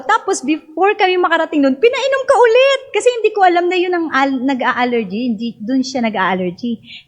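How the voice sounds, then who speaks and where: Middle-aged Filipina with a high voice, casual testimony style, laughs and acts out quotes. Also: female voice. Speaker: speaker sharing a personal story. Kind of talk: casual storytelling to a congregation.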